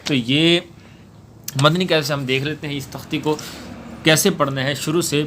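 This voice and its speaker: A man's voice: on the high side, fairly even intonation, a bit bright, a little hiss or hum. A man teaching Quran reading, patiently spelling out letters one by one for pupils to repeat. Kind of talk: spoken Urdu lesson.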